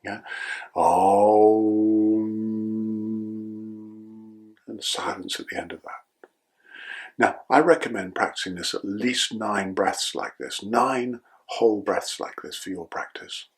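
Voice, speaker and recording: An older man teaching breathwork, calmly guiding a breathing practice step by step and often checking in with "yeah?". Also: on the low side, normal speed, breathy edge. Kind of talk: guided breathing instruction.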